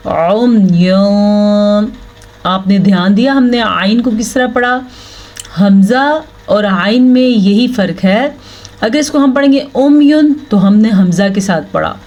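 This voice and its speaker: A woman teaching Quran recitation rules step by step. She explains each rule patiently, checks in often, then chants the Arabic words slowly. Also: mid-range voice, darkish tone. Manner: checks in with "thik hai" often. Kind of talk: slow, step-by-step tajweed lesson.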